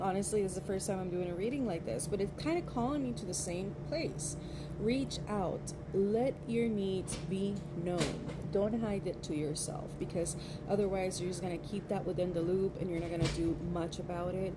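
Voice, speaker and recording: A woman giving a casual spiritual card reading to viewers, speaking emphatically and drawing out key words. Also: mid-range voice. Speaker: card reader hosting an intimate oracle reading. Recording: clearly noisy background.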